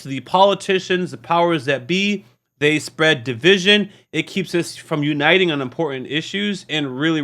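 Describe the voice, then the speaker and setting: A man hosting a reaction video delivers a casual, rambling monologue in a fairly high, sharp voice. He sounds preachy and earnest, frequently restarting and stammering.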